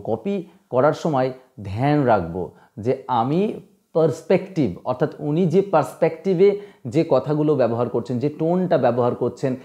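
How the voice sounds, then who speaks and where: A man's voice: on the high side, dark tone. A man teaching English in a video lesson, emphatic and full of rhetorical questions, slipping English phrases into his talk.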